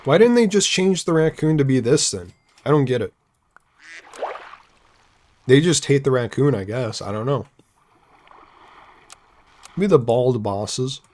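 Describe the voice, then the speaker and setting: A man's voice: medium pitch, animated, unhurried, pauses often, a little mellow, slight background noise. A young man chatting casually while streaming a game live, rambling through sarcastic asides.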